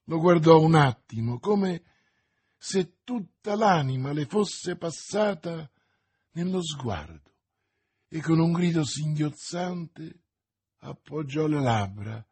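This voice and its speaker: Slow, husky man reading a story. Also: fairly high pitch, a little mellow, no room sound. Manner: slow, measured dramatic reading. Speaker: audiobook narrator. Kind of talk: scripted narration.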